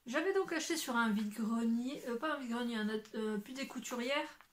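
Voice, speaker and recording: A woman's voice: a little high, fairly quick, a little hiss or hum. A young woman chatting casually at home about her knitting, rambling with many fillers and self-corrections. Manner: occasional swearing, then apologizing. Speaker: knitting podcaster. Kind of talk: casual chat showing knitting to camera. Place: at home in front of shelves.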